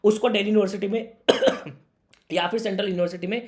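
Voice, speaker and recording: A young man talks straight to camera, giving students earnest career advice. His voice is a little hoarse from a sore throat. He keeps up a warm, brotherly tone and talks to the viewer as if to a younger sibling. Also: sits high, steady tone, brisk. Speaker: career guidance YouTuber.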